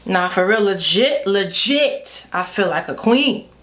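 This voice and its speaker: Her pitch sits at medium, her delivery is expressive and measured, and her tone is a bit bright. She is a young adult Haitian beauty vlogger with a Haitian accent, playfully chatting straight to her viewers with "y'all" in a casual hair vlog.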